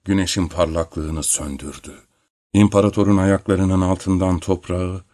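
Male narrator, deep low voice, measured and solemn audiobook delivery, dry close recording. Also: a little mellow, dry recording.

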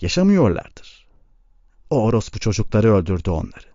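Bitter grieving farmer put on by a man, brooding, angry, dark tone, dry sound. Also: on the low side, sing-song, moderate pace, no room sound, muffled recording. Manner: brooding, bursts into anger.

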